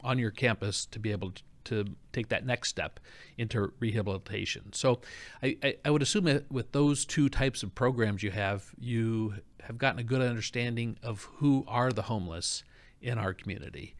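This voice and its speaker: A man's voice: mid-range voice, moderate pace. A man hosting an interview in a conversational style, with informal, wordy recaps leading into his questions. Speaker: interviewer, show host.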